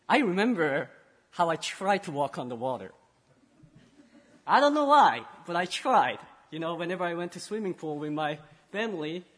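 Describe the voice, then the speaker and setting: A male pastor giving a children's sermon, storytelling and swinging between loud emphasis and hushed tones. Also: high-pitched, big-room sound.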